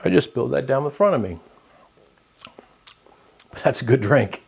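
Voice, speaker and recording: A man hosting his own cocktail vlog, explaining a drink step by step in a relaxed, chatty way with many fillers. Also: medium pitch, moderate pace, gravelly, breathy edge. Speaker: home bartender host. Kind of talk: casual cocktail-making vlog.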